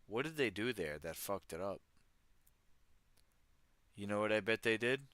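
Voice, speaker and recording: With lively intonation and a measured pace, a man's lowish, somewhat bright voice comes through with no room sound. He hosts a livestream of casual news commentary, reading stories aloud and riffing on them with wry, irreverent remarks to his chat.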